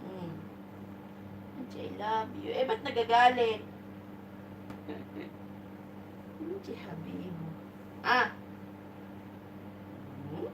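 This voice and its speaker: A woman's voice: a little high, slow pace, pauses often, distant mic. Woman coaxing her dog, echoey. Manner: coaxing, switching between Tagalog and English. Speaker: live-stream host talking to her dog. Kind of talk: casual live-stream chat, coaxing a pet. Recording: echoey room, phone mic from afar, background noise.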